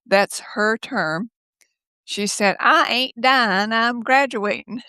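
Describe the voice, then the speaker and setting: An older woman speaking as a guest over a video call from her home office, telling stories in a lively way, laughing often and acting out the voices of others. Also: a little high, slow pace, clear, resonant tone, no room sound. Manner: lively, laughs often, acts out quoted speech. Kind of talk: casual conversational storytelling.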